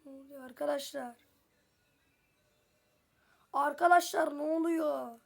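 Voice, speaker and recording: A woman's voice: high voice, fairly even intonation, slow pace, vocal fry, soft background music. A woman giving casual gameplay commentary to her viewers, chatty and full of exclamations, getting flustered when danger appears. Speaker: gameplay video creator.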